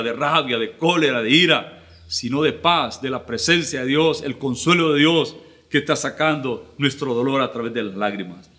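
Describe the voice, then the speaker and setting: A middle-aged man, preaching an earnest, measured sermon with pauses as pastor. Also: medium pitch, pushed and bright. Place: church livestream.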